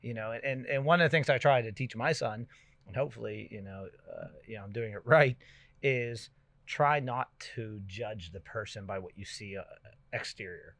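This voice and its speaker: Man, middle-aged, podcast host, casual chat, animated storyteller, dry sound. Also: lowish voice, moderate pace, no echo. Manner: animated storyteller, loud bursts when excited.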